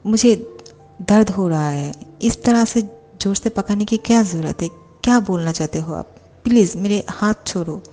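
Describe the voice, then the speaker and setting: A woman's voice: mid-range voice, moderate pace, mellow, faint music behind, close to an everyday voice. Woman doing a shy flustered young male secretary. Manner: polite, anxious, protesting.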